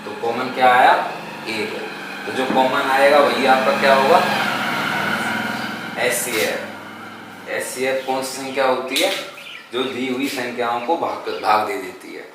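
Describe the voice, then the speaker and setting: A man teaches a board lesson, chanting multiplication tables and asking questions that he answers himself. The room echoes heavily and the mic sits far away. Steady background noise runs under his voice. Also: medium pitch, unhurried, pauses often. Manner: asks the class questions and answers them himself; recites multiplication tables aloud. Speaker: math teacher.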